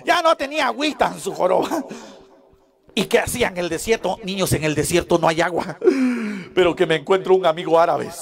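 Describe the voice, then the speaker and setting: Squeaky-voiced man clowning for children. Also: a little fast, gravelly. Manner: playful, laughing, calling out to children. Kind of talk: live clown show for children. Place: live show before an audience of children.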